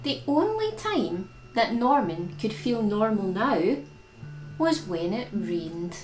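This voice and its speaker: Animated woman reading a children's story, unhurried. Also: medium pitch. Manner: animated, dramatic emphasis on key words. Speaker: children's storytime reader and host. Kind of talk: expressive picture-book read-aloud for young children. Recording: roomy echo with plucked guitar music.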